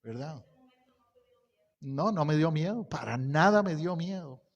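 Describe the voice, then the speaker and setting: A man's voice: fairly high pitch, animated, measured pace, slightly rough, lo-fi sound. A middle-aged male pastor preaching a storytelling sermon, building to emphatic bursts. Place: church hall. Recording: long church hall reverb.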